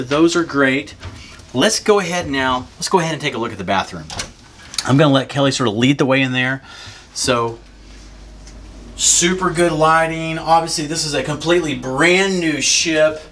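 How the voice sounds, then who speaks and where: This is a man in his forties hosting a walking room-tour vlog, his voice sitting a little high. He sounds upbeat and chatty as he guides the viewer through a small ship cabin. The camera mic picks up a faint hum of room noise behind him. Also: a bit bright. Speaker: cruise vlog host.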